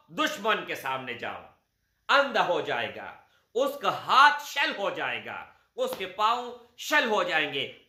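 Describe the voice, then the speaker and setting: A man serving as a spiritual guide, giving slow, step-by-step religious instruction and addressing his listeners as brothers. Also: high voice, sharp tone. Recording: roomy echo.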